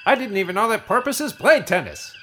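A man's voice: sits high, expressive, fairly quick, sharp tone, exaggerated voice. A man playing a pompous, wealthy starship captain who chuckles at his own jokes in a comedy audio sketch. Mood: smug. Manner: smug, chuckling, self-amused.

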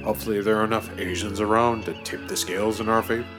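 A man playing a starship crew officer, delivering absurd lines deadpan in a comedy audio sketch. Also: fairly low pitch, fast, lightly acted. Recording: music bed behind the voice.

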